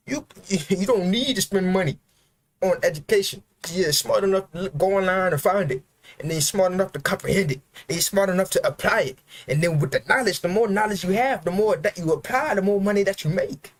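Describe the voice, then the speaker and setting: Blunt, profane man ranting on stream. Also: high voice. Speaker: livestreamer. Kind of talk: motivational livestream rant.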